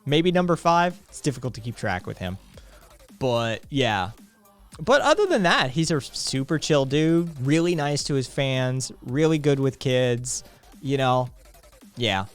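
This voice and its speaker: On his live stream, a late-thirties male host talks in a relaxed, wandering way, cursing openly and padding pauses with filler sounds. His middle-range voice is animated, unhurried and clean in tone, with quiet music in the background.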